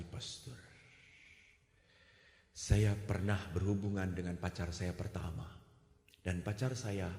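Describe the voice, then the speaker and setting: A man voicing a meek young woman who confides in a priest, soft and pleading. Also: sits high, reverberant, in a large hall, voice pushed up.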